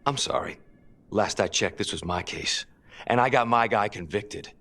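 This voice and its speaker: A man's voice: lowish voice, moderate pace, bright, forceful tone. An actor voicing a hostile, foul-mouthed male detective with a sneering, aggressive manner. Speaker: police detective.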